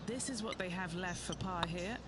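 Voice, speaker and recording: A man's voice: high-pitched, normal speed. A man reporting from the course as a golf commentator, describing lies and putts briefly. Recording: outdoor crowd and ambient noise behind. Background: loud crowd, outdoor ambience.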